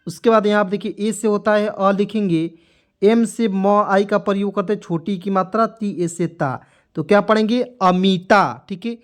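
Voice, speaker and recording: A man's voice: high voice, normal speed, smooth. A male teacher giving an online reading lesson, drilling each word with repeated questions and answers.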